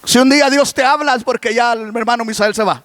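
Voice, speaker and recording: A male pastor preaches a sermon, asking the congregation rhetorical questions and breaking into shouts. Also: very high voice, fast talker, dry recording.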